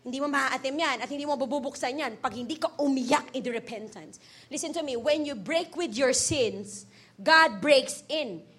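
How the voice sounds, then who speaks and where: Young female preacher, 20s, high and bright voice, energetic storytelling delivery. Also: normal speed. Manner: energetic, animated preaching with sudden loud bursts; storytelling with laughs and acted-out quotes. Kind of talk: sermon.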